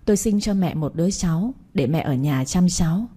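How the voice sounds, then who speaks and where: A young woman narrating a first-person story in an audiobook with calm, earnest storytelling. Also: fairly low pitch, a little fast, slightly rough. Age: young adult.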